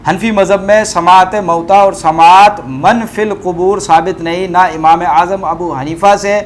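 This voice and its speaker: A man's voice: sits high, steady tone, slight background noise. A man giving a combative religious debate commentary over scanned book pages, repeating fillers as he argues.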